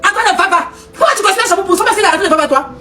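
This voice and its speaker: A woman's voice: very high-pitched, very fast, sharp tone, roomy sound, recorded from a distance. A woman with an Ivorian French accent, ranting accusingly in a heated live stream, repeating herself and laughing scornfully. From Côte d'Ivoire. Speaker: social media personality.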